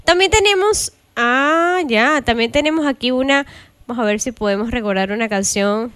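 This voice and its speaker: A woman's voice: a little high, moderate pace, fairly bright tone, smooth. A woman from the coast hosting a casual presentation, chatty and full of tag questions. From Los Ríos, Ecuador. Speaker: host.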